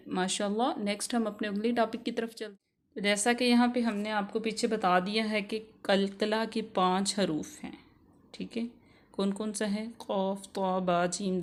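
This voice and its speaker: A woman teaching a spoken recitation lesson, drawing out each example word slowly and having listeners repeat after her. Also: medium pitch. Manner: drawn-out elongated recitation of example words. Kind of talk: slow spoken tajweed lesson.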